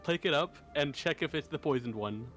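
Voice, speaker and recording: Animated teasing man player. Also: fairly high pitch, brisk, faint music behind. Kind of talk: casual tabletop play.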